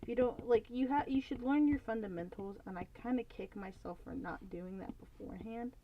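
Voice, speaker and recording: A woman's voice: fairly high pitch, a little fast. A young woman chatting casually on a live stream while she draws, rambling and thinking aloud with lots of fillers. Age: young adult. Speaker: art streamer. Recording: slightly dull lo-fi audio with faint noise.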